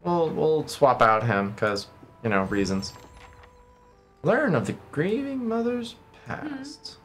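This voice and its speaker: A man's voice: a little high, big pitch swings, slow, fairly bright tone. A man streaming a video game, switching between casual commentary and reading the game's text aloud. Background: game music.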